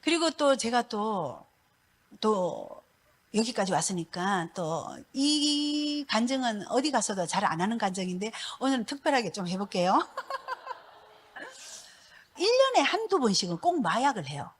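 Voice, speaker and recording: A middle-aged woman, a pastor's wife giving a church testimony in a lively, laughing storytelling manner. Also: on the high side, unhurried, breathy edge.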